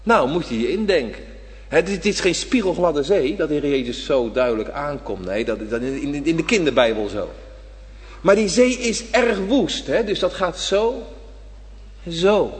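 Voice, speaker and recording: High, lively preacher in a reverberant church. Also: male voice, moderate pace. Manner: dramatic, swings from loud emphasis to near-whisper; rhetorical questions to the congregation. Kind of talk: sermon.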